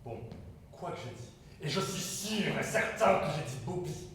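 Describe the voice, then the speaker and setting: An actor playing an anxious, touchy parent figure in a live stage play, declaiming and swinging between hushed and loud. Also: male voice, mid-range voice, animated, moderate pace, close to an everyday voice. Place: theatre stage. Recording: echoey hall from far off, room hiss.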